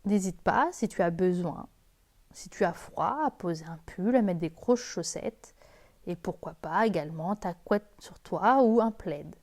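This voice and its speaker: A woman's voice: lowish voice, expressive, measured pace, darkish tone. A woman working as a sophrology guide, giving informal spoken instructions straight to the listener.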